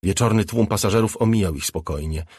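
A man reading a novel aloud as an audiobook narrator, in a measured, even delivery. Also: lowish voice, husky, dry recording, clean studio sound. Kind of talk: scripted narration.

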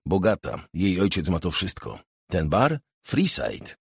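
A man reading the part of a restless, streetwise young woman who talks in a teasing, probing way, with a husky low voice. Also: very animated, a little slow, dry recording, studio quality, full character voice.

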